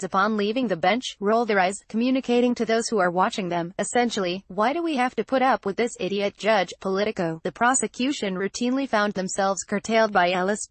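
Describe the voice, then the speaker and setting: A woman narrating a news roundup in a steady, scripted read-aloud delivery. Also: mid-range voice, dry recording.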